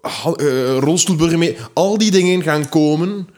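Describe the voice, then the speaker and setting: Tired podcast co-host, 20s; stammers and repeats himself in loose chat. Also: male voice, on the high side, normal speed, a little mellow. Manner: stammering, repeats words often. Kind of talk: casual chat.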